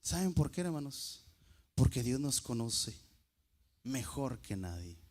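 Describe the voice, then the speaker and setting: A man preaching a sermon to a congregation, calling them brothers and repeating key phrases slowly for emphasis. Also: medium pitch, sing-song, a little mellow.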